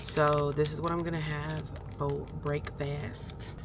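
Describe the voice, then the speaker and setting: A woman's voice: low-pitched, little pitch movement, takes it slowly. A woman chatting casually to camera in a vlog, talking into a handheld phone. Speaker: vlogger, race participant. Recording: noisy outdoor crowd and traffic.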